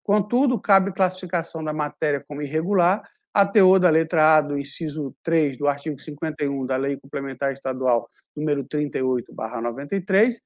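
A man, a public prosecutor, reading a formal legal opinion in a measured way over a video call. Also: fairly high pitch, highs cut off.

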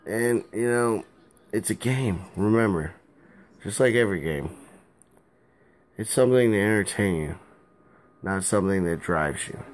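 A young man who has been drinking gives a meandering, halting vlog rant at home, circling back over the same points. His voice is lowish, and the phone he holds at arm's length in the small room picks up a little hiss or hum.

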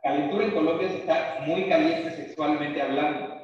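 A man's voice: on the high side, moderate pace. Man reading aloud in a very echoey room. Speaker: reader. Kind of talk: reading a humorous text aloud. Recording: echoey room, distant mic, dull lo-fi sound.

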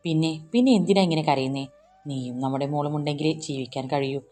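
A young husband in a romantic audiobook, low-pitched and coaxing, tender with a gruff edge, as a woman narrator plays him. The voice sits deep and soft, with a faint bed of music under it. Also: fast.

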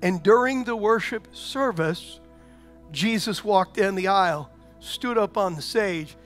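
A man preaching as a pastor, talking conversationally with repeated rhetorical questions and building to loud proclamations. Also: high-pitched, a little slow, soft background music. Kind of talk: sermon.

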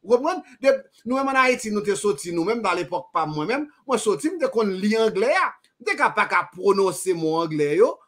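A man's voice: sits high, a little fast, hardly any pauses. A man from Haiti with a Haitian accent, telling his own story in a casual discussion and often checking that the listener follows. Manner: animated storytelling, asks "vous comprenez?".

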